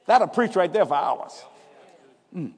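High-voiced man in a hall. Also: big pitch swings, slow pace, breathy edge. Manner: preaching with call-and-response emphasis. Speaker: preacher. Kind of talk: sermon.

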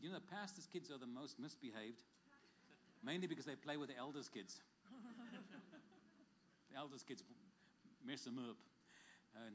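A man's voice: mid-range voice, slight background noise. A man ministering as a pastor in a church service, speaking emphatically with joking asides. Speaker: pastor giving prophetic words. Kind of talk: prophetic ministry to congregation.

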